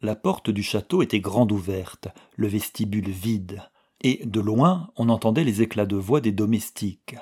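A man narrating an audiobook in a measured, expressive way. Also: lowish voice, breathy edge. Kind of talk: audiobook reading.

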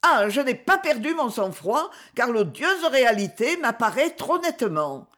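A woman's voice: a little high, very animated, measured pace, a bit bright, pitched above the performer's own voice. A woman voicing a betrayed, indignant young woman in a read-aloud novel, with emotional, outraged delivery. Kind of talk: audiobook character voice.

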